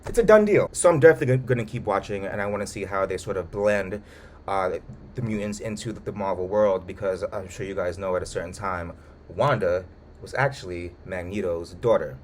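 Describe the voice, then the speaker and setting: Brief: animated male reviewer, lowish voice, casual and jokey. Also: normal speed. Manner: animated, colloquial, joking asides. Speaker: YouTube show reviewer.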